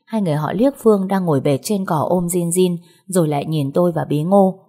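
A woman reads a first-person family drama aloud in a steady storytelling manner. Her voice sits low, with a mellow warmth and a husky, breathy edge. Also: fairly quick. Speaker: narrator. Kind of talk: first-person audiobook narration.

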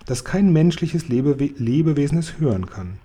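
Storybook giant: man doing a proud, whimsical friendly giant, husky and mellow. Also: on the high side, lively intonation, moderate pace. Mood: mysterious. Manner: whimsical, playing with made-up words.

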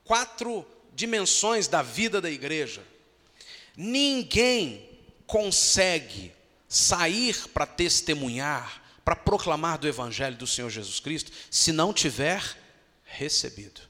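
Bright-voiced pastor preaching. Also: male voice, a little high, takes it slowly. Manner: animated preaching, acts out voices of churchgoers. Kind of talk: sermon. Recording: long hall reverb.

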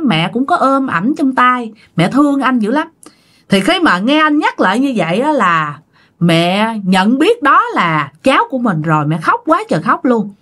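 A woman tells a ghost story with a Southern Vietnamese accent, talking straight to her listeners. Her voice sits fairly high and moves animatedly, rising and falling through the tale. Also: fairly bright tone. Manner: chatty, addressing listeners directly. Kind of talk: ghost story told to an audience.

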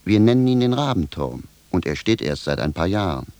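An actor playing a blunt, bewildered peasant shoemaker in a 1970s radio drama, gruff and indignant. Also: male voice, low-pitched, very animated, a little fast, darkish tone, no echo. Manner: gruff, plain-spoken, indignant.

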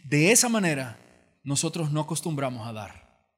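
This pastor's fairly high voice is very animated at a normal speed as he preaches in a church auditorium. He tells stories conversationally and performs the voices he quotes, with long hall reverb around him.

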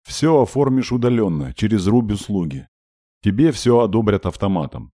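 A man reading this A cheerful supreme goddess, full of energy and quick to reassure her friends. She speaks brisk and upbeat, her voice rising and falling with life, dry and close. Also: on the low side, animated, mellow, no echo. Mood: lively, confiding. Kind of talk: audiobook character voice.

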